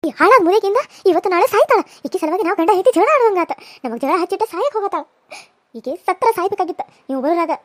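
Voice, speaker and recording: A woman's voice: very high-pitched, expressive, fast, voice pushed up. A woman voicing a resentful village wife, bitter and complaining.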